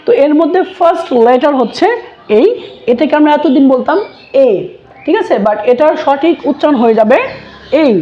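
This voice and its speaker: High-voiced woman teaching letters, repeating. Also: dull audio, slight background noise. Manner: slow, repeats each sound twice, asks and answers herself. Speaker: English teacher. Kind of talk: teaching lesson.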